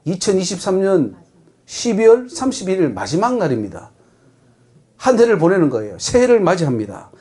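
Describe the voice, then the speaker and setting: A man's voice: high-pitched, very animated, a little fast, warm tone, slightly rough. A man with a Gyeongsang accent preaching a sermon as pastor, emphatic and putting rhetorical questions to the congregation. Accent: Gyeongsang Korean.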